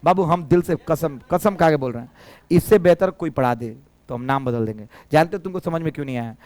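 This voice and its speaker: High-voiced Bihari teacher teasing his class. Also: fast, a little mellow. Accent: Bihari Hindi. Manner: teasing, coaxing students to answer. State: hoarse from years of teaching. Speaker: physics teacher. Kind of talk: classroom physics lecture. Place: classroom with students.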